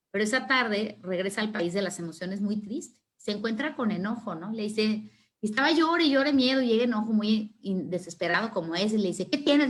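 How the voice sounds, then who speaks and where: A middle-aged woman, a former kindergarten teacher, telling a story in a lively, conversational way. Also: mid-range voice, slight background noise. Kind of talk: storytelling talk.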